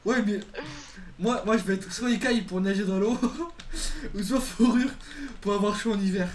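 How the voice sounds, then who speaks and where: A man's voice: sits high, moderate pace, slight background noise. A man with a southern French accent hosting a casual gaming chat, stammering and repeating his words. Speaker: gaming channel host.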